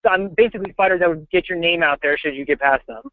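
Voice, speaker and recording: A man's voice: sits high, fast talker, no echo. A man hosting a casual sports interview, asking long, rambling questions over a thin phone line. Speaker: interviewer on a boxing show.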